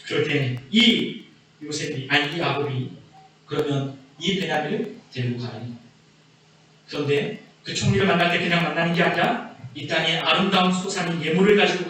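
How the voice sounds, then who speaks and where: A man preaching an earnest sermon, his voice sitting high for a man. The sound is distant, washed in heavy church reverb with a faint hum of the room behind it. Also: fairly bright tone. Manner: earnest preaching, voice rising and falling with emphasis. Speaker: pastor. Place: church sanctuary. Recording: echoey church hall from far off.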